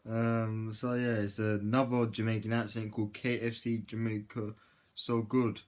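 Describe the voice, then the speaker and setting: A man hosting a casual reaction video, rambling with repeated filler phrases, swearing freely and breaking into sudden loud outbursts. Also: fairly low pitch, little pitch movement, moderate pace.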